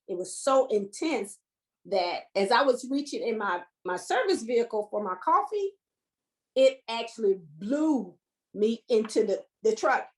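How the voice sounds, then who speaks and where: A woman's voice: on the high side, low-quality recording. A woman who works at a transit substation, telling a personal story at a virtual event. She acts out her own past words in the story and laughs now and then as she tells it. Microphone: video call.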